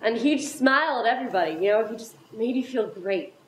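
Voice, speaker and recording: Woman doing a young student chatting casual, kinda high voice, echoey stage from a distance. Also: animated, brisk, slight background noise, close to an everyday voice. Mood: fond. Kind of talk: theatre monologue.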